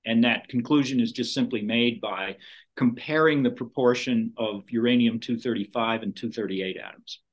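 A man's voice: medium pitch, moderate pace, dull audio. Methodical man explaining science. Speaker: scientist guest. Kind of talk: interview answers.

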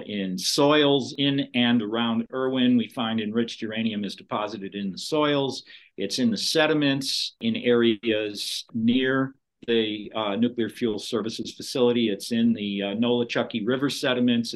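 A man interviewed as a scientist, explaining technical findings in a methodical way. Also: medium pitch. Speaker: scientist guest. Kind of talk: interview answers.

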